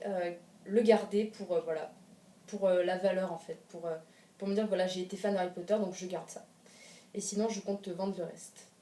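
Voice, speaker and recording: A woman's voice: mid-range voice, dark tone. A woman answering viewer questions in a casual vlog, rambling with many fillers and restarts. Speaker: YouTuber. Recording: roomy sound, from a distance.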